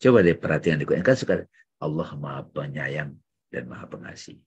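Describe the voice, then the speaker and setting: A man leading a reflective spiritual study talk, shifting between hushed musing and emphatic phrases. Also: very deep voice, lively intonation, fairly quick, breathy edge, highs cut off. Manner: swings from hushed musing to loud chanted takbir. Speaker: speaker in religious study session.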